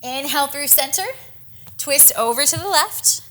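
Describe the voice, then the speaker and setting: Slightly out of breath, a young woman instructs a yoga class with encouraging cues paced to the breath. She speaks in a high, sharp-toned voice at a moderate pace, with slight background noise.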